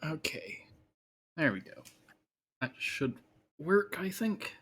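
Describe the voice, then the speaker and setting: Slow-talking man chatting on stream. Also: on the high side, sing-song, noisy background. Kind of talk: casual chat on a live stream. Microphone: home desk mic, moved away.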